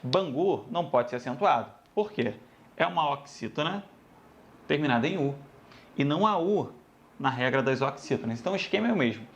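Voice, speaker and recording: A man's voice: fairly high pitch, a little fast. A man teaching a grammar lesson, addressing students casually and repeating each rule. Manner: lively, addresses students as "galera", repeats rules.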